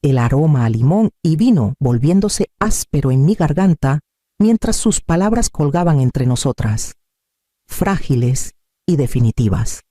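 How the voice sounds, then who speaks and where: A man narrates a scripted story in a calm, measured way. His voice is deeply mellow and sits a little high. The sound is dry and close. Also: no echo.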